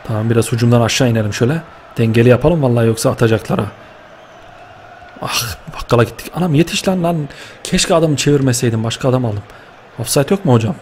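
Excitable young man shouting at a football game. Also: medium pitch, fast, slight background noise. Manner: excitable, shouts at players, frequent slang. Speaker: gaming YouTuber.

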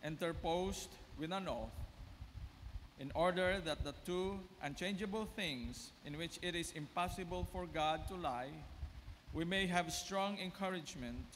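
A man with a fairly high voice reads scripture solemnly and deliberately into a lectern microphone. Long church reverb surrounds him, with faint noise behind. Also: fairly bright tone. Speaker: lector at Mass. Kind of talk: formal scripture reading. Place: church, indoors.

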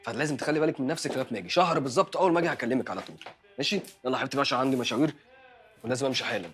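An actor with an Egyptian accent playing an evasive young man who makes smooth excuses to his girlfriend. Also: mid-range voice, a bit bright, a little hiss or hum, natural voice. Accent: Egyptian Arabic. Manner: smooth, fast excuse-making. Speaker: actor in a TV drama series. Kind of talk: TV drama acting.

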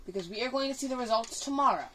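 Racing along at a medium pitch, the female host has lively intonation and a sharp tone. Her improvised gaming commentary is casual, bossy and teasing, with bits of pretend bickering. The room is indoors, the camera is on a TV screen, and the audio is noisy with clicking.

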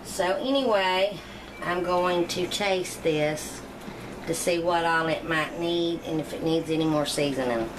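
A middle-aged woman with a lowish voice and a measured pace hosts a cooking channel, chatting homily through a demo in her home kitchen with plenty of rambling asides. She's off camera on the camera mic, and the background is noisy.

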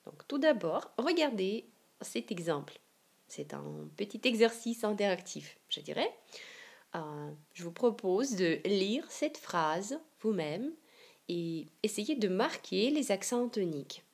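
A woman from Siberia with a Russian accent, teaching a language lesson online and explaining slowly and carefully. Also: medium pitch, sing-song, creaky. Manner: slow, careful explanations with example readings.

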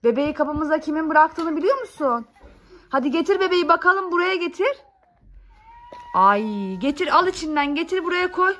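Bright high-voiced mother talking to kids. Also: lively intonation, moderate pace, slight background noise. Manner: coaxing, scolding playfully, talks to small children. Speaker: mother filming her kids. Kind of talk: casual family vlog chat.

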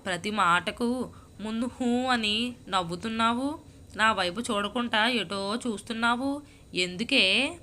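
A woman voicing a patient, puzzled woman friend who keeps asking gentle questions, in a storybook reading. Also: fairly high pitch, unhurried, pauses often, slight background noise. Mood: concerned.

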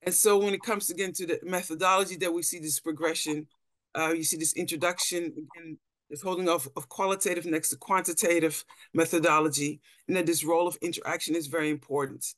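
She speaks fast in a low-pitched, steady voice, captured in a dry recording. A middle-aged anthropologist from the Netherlands, she's a panel speaker giving a reflective slide lecture over a video call indoors, and she frequently repeats words while reaching for phrasing.

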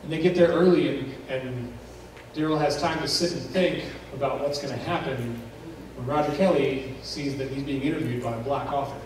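A man's voice: mid-range voice, steady tone, darkish tone, slight background noise. Man preaching in an echoey church. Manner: dramatic narrator, builds tension with pauses and swells. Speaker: pastor. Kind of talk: sermon storytelling. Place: church sanctuary. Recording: very echoey church recorded from a distance.

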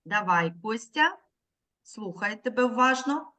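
Woman teacher on a video call with little kids, slightly high voice, slow and super clear, sounds words out syllable by syllable. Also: lively intonation, pushed and bright. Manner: slow, clearly articulated, patient teacher's prompting. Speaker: primary school teacher. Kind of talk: online literacy lesson for young children.

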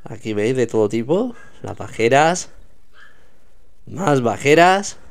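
Guy filming store shelves on his phone, chatty, lively up-and-down voice. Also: mid-range voice, slow, vocal fry. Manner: chatty, pointing things out to viewers. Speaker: vlogger showing store products. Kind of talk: casual walkthrough narration. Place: indoors in a supermarket aisle.

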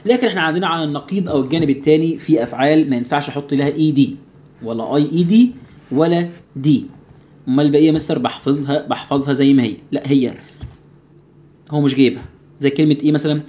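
A man with an Egyptian Arabic accent teaching an English lesson, asking himself students' questions and answering them, repeating each English word slowly to drill its sound. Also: a little high, a little mellow. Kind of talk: recorded classroom lesson.

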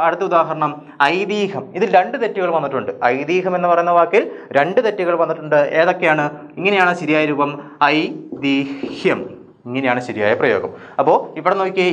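A man teaching a grammar lesson for exam students. He asks questions and answers them himself, and repeats each word slowly. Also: fairly high pitch, dull audio. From Kerala. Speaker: Malayalam teacher.

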